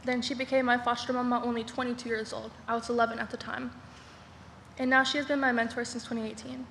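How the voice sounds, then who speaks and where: A young woman reading a prepared speech from a podium, steady and earnest. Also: a little high, fast. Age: young adult. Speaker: honoree giving a speech. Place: large banquet hall. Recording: hall reverb with faint noise.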